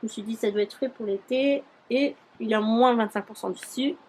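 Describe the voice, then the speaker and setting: A young woman chats her way through a beauty haul, her voice sitting a little high. She rambles easily, filling pauses with hesitations. A faint noise hangs under the recording. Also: a little mellow, poor audio. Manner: chatty, rambling with many fillers. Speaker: beauty YouTuber. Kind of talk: casual haul vlog.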